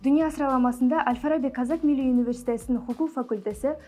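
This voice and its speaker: Young student woman, highish mellow voice, presenting over soft music. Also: very fast. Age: young adult. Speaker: university student. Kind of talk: prepared presentation.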